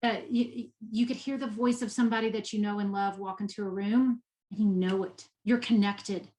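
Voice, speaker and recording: Speaking at a normal speed in a steady, darkish, mid-range voice, a Texas-accented woman appears as an interview guest. She's a nonprofit education executive who argues passionately and emphatically, repeating herself for effect. The audio is poor.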